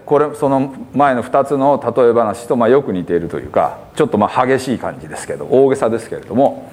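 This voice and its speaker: A man's voice: fairly low pitch, darkish tone, slight background noise. A man preaching a sermon with a Hiroshima accent, retelling a parable and acting out the characters' lines. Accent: Hiroshima dialect.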